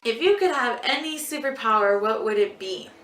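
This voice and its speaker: Full of "um" and "like," a twenty-year-old woman rambles casually through viewer questions on her beauty vlog, her fairly high, bright voice moving with lively intonation at a moderate pace. It's recorded in an echoey room with a little background noise.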